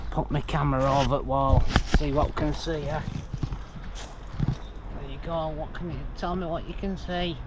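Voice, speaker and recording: A man's voice: fairly high pitch, steady tone, normal speed. Chatty man exploring ruins. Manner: chatty, matter-of-fact, mild swearing. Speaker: urban explorer vlogger. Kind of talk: casual walkaround commentary. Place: abandoned hotel and overgrown grounds, in and out of doors. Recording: lo-fi camera audio with background noise.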